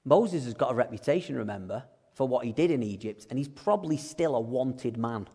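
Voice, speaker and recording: A man's voice: medium pitch, lively intonation, fairly quick, vocal fry, warm tone, husky. A male preacher who gives a chatty, jokey sermon in a storytelling style. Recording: long hall reverb.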